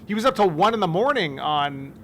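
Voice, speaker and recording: A man's voice: high voice, very animated, brisk, fairly bright tone, slight background noise. A man hosting a casual golf podcast, chatty and full of restarts, recorded outdoors at a tournament. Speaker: podcast host. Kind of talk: casual chat.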